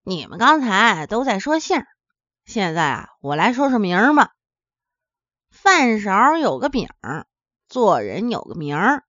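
Lively woman storyteller, dull dry recording. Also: mid-range voice, measured pace, no room sound. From Henan, China. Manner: lively, chatty, addresses listeners directly. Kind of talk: folksy comic storytelling.

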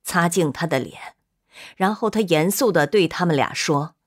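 Steady woman reading a novel aloud. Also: fairly low pitch, moderate pace, slightly rough. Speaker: narrator. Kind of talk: scripted audiobook narration.

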